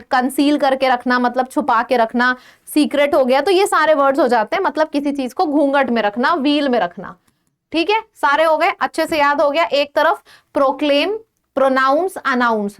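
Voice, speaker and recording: Indian woman tutor, high bright voice, rattles off synonym lists, slows down on the English words. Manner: lists many synonyms in a row, checks in with "ठीक है"; mixes Hindi with English words, slows down to stress English phrases. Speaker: English vocabulary teacher. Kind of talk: exam-prep vocabulary lesson.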